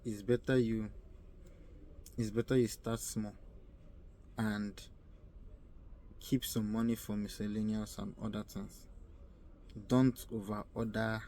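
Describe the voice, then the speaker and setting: A young Nigerian vlogger gives casual advice in a low, mellow voice, speaking slowly and pausing often. He's earnest and repetitive, frequently stopping to search for the right words, his pitch flat and even over a faint hum of ambient noise.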